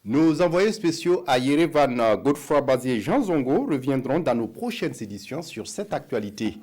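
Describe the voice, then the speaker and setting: A man anchoring an evening TV news bulletin, reading in a measured, formal way. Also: mid-range voice, very animated, a little mellow. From Burkina Faso.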